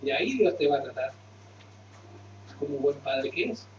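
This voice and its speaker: A male pastor preaches in a relaxed, conversational way, keeps asking questions and answering them himself, and speaks a bit high for a man. He sounds set back from the mic in a roomy hall. The sound is muffled, with faint ambience behind him. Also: normal speed, distant mic, background noise. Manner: conversational, asks and answers his own questions. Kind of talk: sermon with closing prayer.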